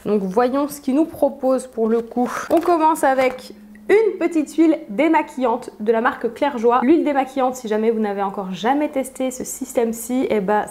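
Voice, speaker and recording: A young woman with a fairly high voice chats casually through an unboxing, filling pauses with little hesitations. She laughs easily and keeps an easygoing, conversational flow. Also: warm tone. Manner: chatty, laughs often, frequent fillers. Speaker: beauty vlogger.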